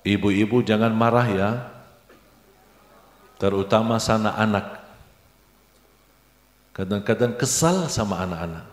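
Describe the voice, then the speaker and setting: A middle-aged man preaching a sermon with storytelling, animated and acting out the dialogue in his stories. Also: on the low side, a little slow, long pauses. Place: large hall at an Islamic boarding school. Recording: echoey hall with long reverb.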